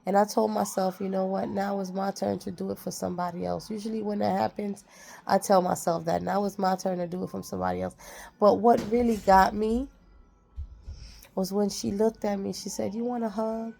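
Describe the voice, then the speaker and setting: A woman speaks straight to her viewers in a casual, heartfelt way. Her voice is strongly gravelly and full of fry. She sits at a middle pitch and drives her points home by saying the same phrase again and again. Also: level tone, fairly quick, warm tone. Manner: repeats phrases for emphasis, preachy and heartfelt. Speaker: vlogger. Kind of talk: casual motivational talk.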